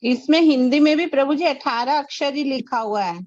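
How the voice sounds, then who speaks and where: A woman's voice: sits high, moderate pace, darkish tone, lo-fi sound. A woman in a class, asking and explaining earnestly in Hindi, counting things out carefully. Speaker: class participant.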